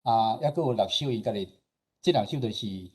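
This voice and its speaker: The voice is lowish, expressive and slightly rough, running a little fast. It comes from a radio station director and host with a Taiwanese accent, presenting slides informally. He explains as if chatting, regularly finishing phrases with small agreement-seeking particles.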